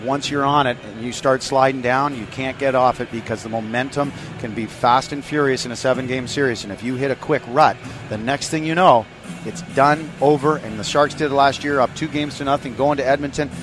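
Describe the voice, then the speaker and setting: A man's voice: medium pitch, steady tone, fairly quick, over music. A man giving pregame radio commentary as an analyst, emphatic and building his points with lists and repetition.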